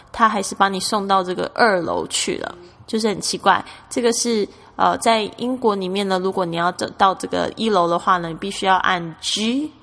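A woman's voice: mid-range voice, fairly bright tone, big-room sound. A woman from Taiwan with a Taiwanese Mandarin accent, patiently explaining English words and spelling them out as a teacher. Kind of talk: explanatory lesson narration.

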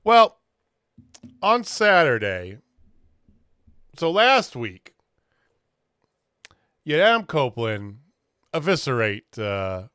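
A man's voice: medium pitch, slow pace, long pauses, clean tone, dry recording, studio quality. A man co-hosting a podcast, retelling a wrestling segment in casual chat, acting out quotes and laughing often. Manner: animated storyteller, laughs often, acts out quotes. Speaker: podcast co-host.

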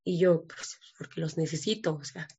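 A woman's voice: sits low, normal speed, mellow, husky. A woman, a guest telling her story earnestly and acting out the dialogue. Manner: earnest, emotional, acts out dialogue. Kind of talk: personal testimony in an interview.

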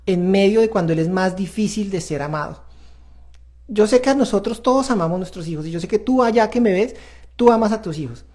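A man's voice: high-pitched, animated, a little fast, mellow. A man hosting a faith-based parenting talk, earnest and confessional as he speaks straight to viewers. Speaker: parenting show host.

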